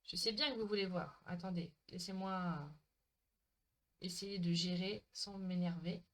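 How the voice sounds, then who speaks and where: Bright-voiced woman chatting through a craft live. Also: fairly low pitch, fairly even intonation, a little slow. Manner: chatty, talks to viewers by name, self-mocking. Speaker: crafting livestream host. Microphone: desk mic.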